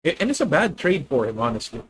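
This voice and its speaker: A man's voice: a little high, sing-song, quick pace, slightly rough, rough recording. A man with a Filipino accent thinking aloud as he plays a card game on stream, chatting with viewers. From Philippines. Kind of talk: live card game commentary.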